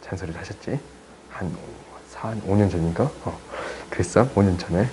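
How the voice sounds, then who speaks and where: A young man tutoring high school math in a chatty, teasing way, often checking that students follow. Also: moderate pace, darkish tone, a little hiss or hum, rough recording. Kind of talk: casual online math lesson.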